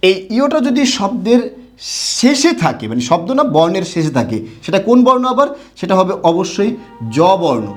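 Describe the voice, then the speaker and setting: A young man from Bangladesh with a high voice teaches a grammar lesson. He puts questions to the class and then answers them himself.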